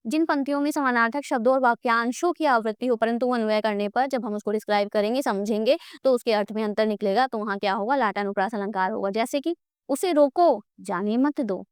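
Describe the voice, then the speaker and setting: High, crisp-voiced woman teaching a lesson. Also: dry recording, clean studio sound. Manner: coaxing, asks and answers her own questions; addresses students as "beta". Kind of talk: exam-prep Hindi grammar lesson.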